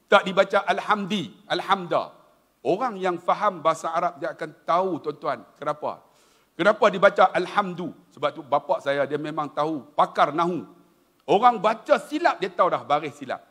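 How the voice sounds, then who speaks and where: In a big hall with a long echo after each phrase, a middle-aged Malaysian man gives a religious lecture to an audience. His high, expressive voice stays animated and humorous, and he often speaks straight to his listeners.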